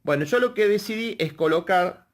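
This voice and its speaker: A man's voice: high-pitched, expressive, normal speed. A man teaching a hands-on wiring lesson, explaining step by step and often checking in with the viewers. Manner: explanatory, checks in with frequent "¿sí?" and "fíjense". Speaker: electrical workshop instructor.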